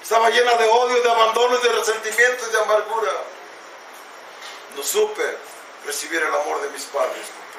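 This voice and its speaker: A man's voice: high voice, fairly quick, gravelly, distant mic, background noise. A man with a Mexican Spanish accent giving a raw, impassioned personal testimony at a recovery meeting, swearing heavily and calling his listeners companions. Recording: echoey hall recorded from afar.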